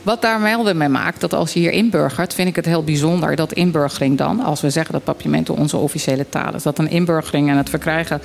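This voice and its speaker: A woman's voice: low-pitched, quick pace, creaky, hardly any pauses, a little mellow. Emphatic woman in panel discussion. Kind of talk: casual opinionated discussion. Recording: faint background noise.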